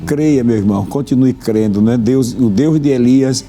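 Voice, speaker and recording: A man's voice: medium pitch, normal speed, dark tone, faint music behind. A man hosting a religious talk program as pastor, preaching fervently and repeating phrases for emphasis.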